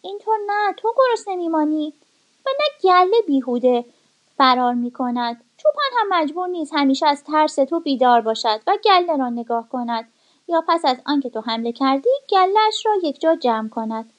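A woman's voice: high voice, expressive, highs cut off. A woman voicing a clever, lame young goat kid in a storybook reading, coaxing and persuasive.

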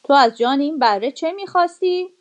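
A woman's voice: high-pitched, animated, lo-fi sound. A woman voicing a loyal male sheepdog guarding the flock in a storybook reading, firm and resolute.

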